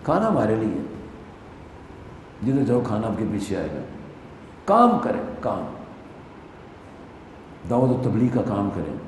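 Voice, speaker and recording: A man from Pakistan, preaching a sermon, swinging between loud declaiming and low, intense asides. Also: very animated, unhurried, long pauses. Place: large mosque hall. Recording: echoey mosque hall with long reverb, faint noise.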